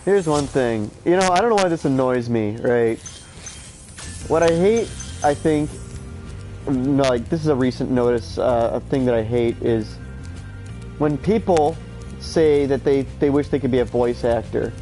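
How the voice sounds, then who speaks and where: A streamer in his thirties, stuffy and short on sleep, rambles and swears through casual gameplay chatter over game music. His medium-pitched voice is warm and measured in pace, though the recording quality is low. He's opinionated and profane throughout.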